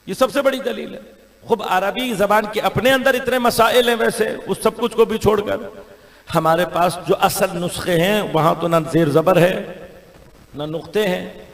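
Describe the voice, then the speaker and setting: A man with a Pakistani Urdu accent delivers a majlis sermon. His high, gravelly voice climbs and falls for rhetorical effect. Long reverb from the big imambargah hall trails every phrase. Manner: rhetorical orator with sudden rises and falls. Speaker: Shia cleric giving a majlis.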